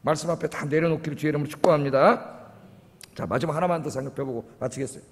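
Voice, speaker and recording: A man's voice: fairly high pitch, racing. A middle-aged male pastor preaching a sermon with a sore throat, prodding the congregation with rhetorical questions. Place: church sanctuary. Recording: long church-hall reverb.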